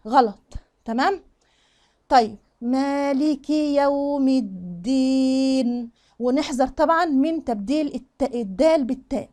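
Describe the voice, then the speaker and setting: A woman with an Egyptian Arabic accent teaching Quran recitation, demonstrating right and wrong pronunciations and reciting the examples slowly. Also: high-pitched, a little mellow. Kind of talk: tajweed lesson with slow recited examples.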